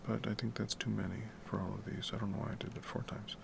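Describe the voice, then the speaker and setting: This streamer composes music at night and talks fast in a gravelly, deep baritone, rambling casually as he works. He's relaxed, swears freely and keeps quiet so he doesn't make much noise in his home room. Background noise and typing are clearly present.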